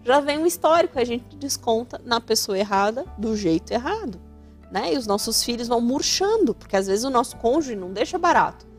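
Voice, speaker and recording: A woman's voice: a little high, lively intonation, brisk, faint music behind. A woman with a Brazilian Portuguese accent hosting an advice talk show, speaking animatedly and acting out the voices she quotes. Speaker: radio host giving family advice.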